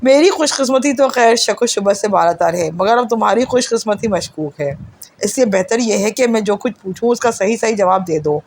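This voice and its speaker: A woman's voice: medium pitch, animated, darkish tone. A woman voicing a stern, ruthless male secret agent giving harsh, clipped orders.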